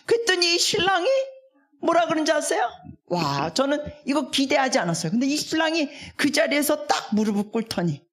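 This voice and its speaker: A woman, a guest missionary, preaching a revival sermon as an animated storyteller who acts out the people in her stories and coaxes the congregation to respond. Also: high-pitched, brisk. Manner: animated, acts out quoted speech.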